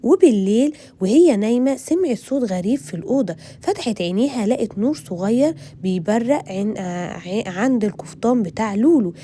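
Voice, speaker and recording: A woman's voice: on the high side, expressive, a little fast, warm tone, slight background noise. Friendly Egyptian woman telling kids' stories. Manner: friendly, addresses children directly. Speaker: children's storyteller. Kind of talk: children's story narration.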